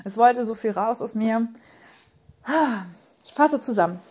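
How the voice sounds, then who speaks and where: A woman's voice: a little high, measured pace, dark tone. A woman in her thirties hosting a casual monologue podcast as a parenting coach, talking passionately and rambling with emphatic repetitions. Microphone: podcast microphone.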